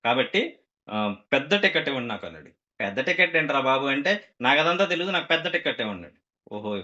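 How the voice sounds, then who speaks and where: Animated man telling a comic story. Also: medium pitch, very fast, highs cut off. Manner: animated, acts out characters' quoted lines.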